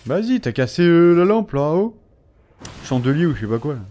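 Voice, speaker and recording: A let's play gamer casually narrates his gameplay at a normal speed, speaking directly to the characters. He mocks and taunts the enemies, his voice dropping from low mutters to excited yelps.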